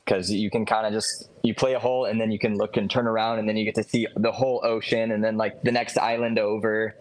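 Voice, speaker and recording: A young man from Hawaii, a disc golf pro, answering interview questions in a relaxed, halting way. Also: on the low side, poor audio. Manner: relaxed, hesitant with many restarts. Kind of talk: casual podcast interview.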